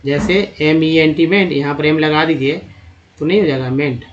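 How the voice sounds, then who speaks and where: A man runs a spoken phonics lesson, spelling letters one by one and sounding out each word. His voice sits a touch high for a man. The recording is dull and lo-fi. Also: moderate pace, slight background noise. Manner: spells out letters and sounds them, addresses viewers as friends. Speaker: English reading teacher.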